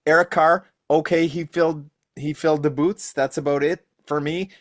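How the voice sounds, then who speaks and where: A man's voice: fairly high pitch, steady tone, normal speed, dry recording, studio quality. A man as a podcast guest in casual chat, talking with gushing enthusiasm. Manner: enthusiastic, gushing fan talk.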